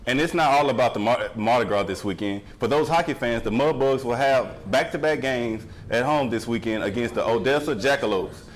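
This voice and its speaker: A young male anchor reads event listings in a friendly, promotional way at a mid pitch. A faint rumble sits under the voice. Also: a little fast, few pauses. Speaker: news anchor. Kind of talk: student news anchoring.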